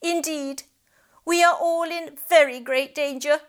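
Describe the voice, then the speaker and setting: Brief: sly old pelican, pompous and soothing, read by a woman storyteller, higher register. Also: fairly even intonation, measured pace. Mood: dire. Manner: solemn, grandly warning. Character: old scheming male pelican, smooth and grand.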